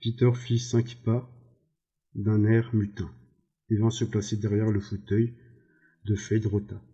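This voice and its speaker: A man reading a novel aloud in a calm, even narration. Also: on the low side, a little slow, slightly rough, lo-fi sound. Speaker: audiobook reader. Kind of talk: scripted narration.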